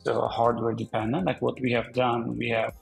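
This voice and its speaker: A man's voice: medium pitch, monotone, normal speed, vocal fry, faint music behind, low-quality recording. A man in his forties from Armenia, a podcast guest speaking casually over a video call, with frequent fillers and restarts. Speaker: podcast guest, company founder. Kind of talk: casual interview talk. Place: indoor room.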